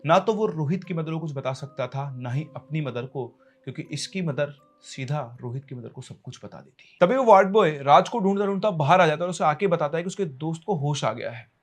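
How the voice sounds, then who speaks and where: A man narrating a horror story in a dramatic way, pushing suddenly ahead and then slowing down. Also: on the high side, animated.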